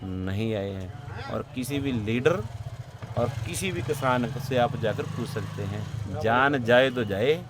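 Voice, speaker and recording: Fiery farmer speaking outdoors. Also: male voice, mid-range voice, animated, slow, background noise. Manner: fiery, emphatic, rising to loud outbursts. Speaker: protesting farmer. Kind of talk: impassioned interview answer. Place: outdoors at a protest site.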